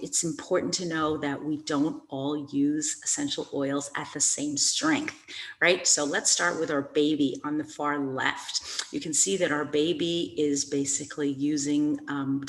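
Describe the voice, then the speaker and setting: A woman's voice: low voice, fairly bright tone, poor audio. A middle-aged woman giving an informal, chatty live online class from a stairwell in a house, speaking directly to her viewers as a presenter.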